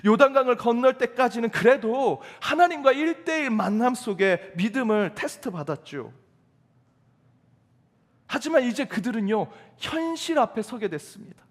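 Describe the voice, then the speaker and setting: A man preaches in an emphatic, questioning style, his voice pitched high for a man. The sound carries the long reverb of a church sanctuary, with each phrase trailing off into the hall. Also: lively intonation, moderate pace. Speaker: pastor. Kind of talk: sermon.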